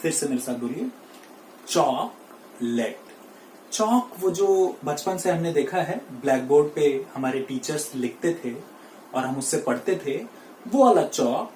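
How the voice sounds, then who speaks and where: A man with an Indian accent teaching English pronunciation in a classroom, mixing Hindi and English, saying each word slowly and asking listeners to repeat it. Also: fairly high pitch, animated, darkish tone. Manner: drills words slowly, asks listeners to repeat. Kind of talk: classroom lesson at a board. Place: classroom with a board. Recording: echoey room, faint noise.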